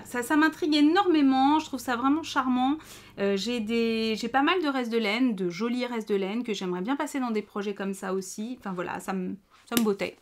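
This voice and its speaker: A woman's voice: medium pitch, a bit bright, a little hiss or hum. Chatty French woman talking knitting. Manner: chatty, self-mocking, rambling with many fillers. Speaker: knitting vlogger. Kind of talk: casual chat to camera.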